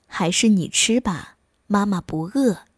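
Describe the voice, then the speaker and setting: A woman voicing a gentle, selfless mother duck in a bedtime story. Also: mid-range voice, lively intonation, measured pace, husky, no echo, clean studio sound.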